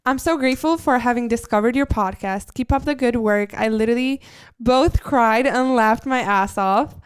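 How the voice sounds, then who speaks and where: Very clear-voiced young woman podcaster. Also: fairly high pitch, moderate pace. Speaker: podcast co-host. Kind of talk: casual chat.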